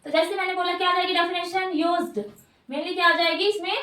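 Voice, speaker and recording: A woman's voice: very high-pitched, steady tone, brisk, pushed and bright, recorded from a distance. A woman teacher explaining English grammar in Hindi, who keeps asking questions and answering them herself. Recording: echoey room, voice off-mic.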